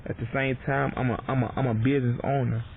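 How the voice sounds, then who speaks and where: A man's voice: medium pitch, flat delivery, fast talker, gravelly. A man arguing defiantly outdoors at a front door, lecturing and repeating himself, caught on a doorbell camera. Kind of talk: argumentative street talk. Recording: noisy, thin phone-like doorbell camera audio.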